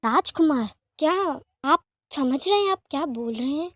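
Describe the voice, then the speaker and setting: A gentle, devoted young man speaks softly and remorsefully, as a woman reads him out in an audio fanfiction story. The voice sits high and the sound is dry and close, with nothing around it. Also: lively intonation, normal speed, no room sound. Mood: pleading. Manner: soft-spoken, remorseful, pleading.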